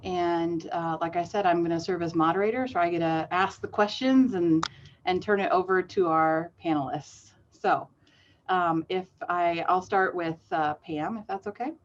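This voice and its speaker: Woman moderator, slightly low voice, friendly and measured, muffled lo-fi recording. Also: slight background noise. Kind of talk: panel discussion moderating.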